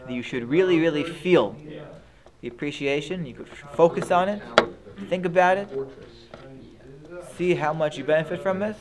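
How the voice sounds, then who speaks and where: A man with a somewhat high voice explains the Passover Haggadah to a listener. He is earnest, circles back on his words and drops Hebrew terms as he goes. Other people's chatter fills the room behind him. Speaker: Torah teacher.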